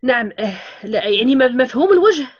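A woman's voice: high-pitched, sing-song, quick pace, dull audio. A woman teaching Quran recitation rules, patiently explaining them step by step. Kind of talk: online tajweed lesson.

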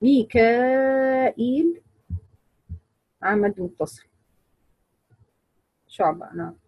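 A woman teaching a Quran recitation class, explaining rules in a measured way and quizzing her students. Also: medium pitch, slightly rough, no echo, muffled recording.

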